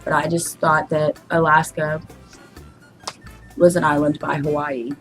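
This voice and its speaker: Low-pitched young American woman chatting. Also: flat delivery, a little slow, soft background music. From United States. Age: young adult. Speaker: vlogger answering an ex's questions. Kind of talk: casual chat.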